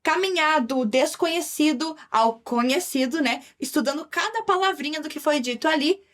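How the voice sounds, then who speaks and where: A young woman with a Brazilian Portuguese accent teaching an English lesson in a lively, chatty way, slowing down for English examples. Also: high voice. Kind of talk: online language lesson.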